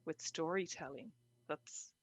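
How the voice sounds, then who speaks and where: An Irish-accented woman telling her own story reflectively in an interview, with a lilting, expressive storyteller's delivery. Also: deep voice, unhurried, slightly rough. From Ireland. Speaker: guest, poet and storyteller.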